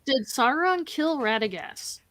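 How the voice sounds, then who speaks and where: A woman's voice: high voice, lively intonation, a little slow, a crowd in the background. A woman in a casual group discussion, asking curious questions. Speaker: panelist.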